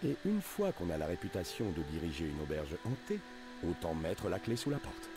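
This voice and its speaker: A man's voice: deep voice, huge pitch swings, fairly quick, full character voice. An actor playing a polite, weary male innkeeper in a video game, speaking formally and pleading for help. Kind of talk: dubbed video game dialogue. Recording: game voice over clear game music.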